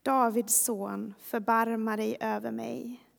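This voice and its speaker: A woman voicing a desperate blind male beggar who cries out for help, shouting and pleading in a reverberant hall. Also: very high-pitched, steady tone, creaky.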